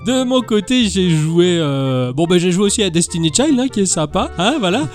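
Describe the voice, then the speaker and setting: A man's voice: high-pitched, very animated, normal speed. A man hosting a gaming podcast in casual, slangy, jokey chat, with music behind him. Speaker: podcast host.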